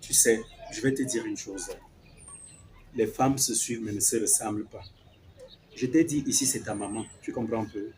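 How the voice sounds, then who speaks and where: A man's voice: moderate pace, darkish tone, slight background noise, natural voice, poor audio. A man playing a patient father who soothes his crying daughter and pleads with his harsh wife. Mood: gentle. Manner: soothing and pleading, switching into sudden high-pitched exclamations. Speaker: actor in a family skit. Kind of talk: scripted skit acting.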